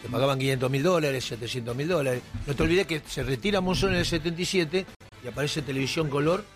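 Fast-talking older Argentine radio host. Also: male voice, on the high side, faint music behind. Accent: Argentine Rioplatense. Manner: storytelling, quotes boxing facts. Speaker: radio sports show host. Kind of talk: casual studio banter. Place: radio studio.

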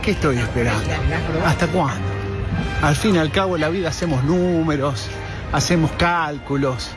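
A man's voice: a little high, normal speed. A middle-aged man from Argentina with an Argentine accent, speaking in an earnest, reflective testimonial. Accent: Argentine Spanish. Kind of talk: heartfelt testimonial. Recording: clip with music behind.

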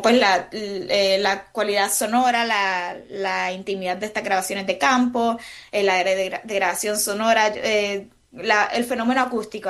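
Her voice is medium in pitch and a bit bright. She's a Puerto Rican composer with a Puerto Rican Spanish accent, interviewed on the radio as a guest, and she speaks thoughtfully, full of fillers and restarts.

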